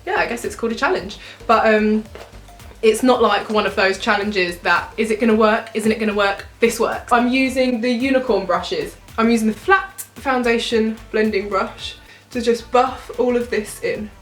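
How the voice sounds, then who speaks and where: A woman's voice: a little high, moderate pace, fairly bright tone, reverberant, faint music behind. Bubbly young woman chatting a makeup tutorial. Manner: chatty, bubbly, giggly asides. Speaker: beauty vlogger. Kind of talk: casual makeup tutorial chat.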